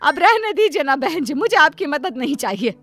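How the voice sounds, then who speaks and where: A woman voicing a devoted, self-sacrificing middle-aged mother in a cartoon story, with soft music behind. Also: sits high, very animated, normal speed. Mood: defensive.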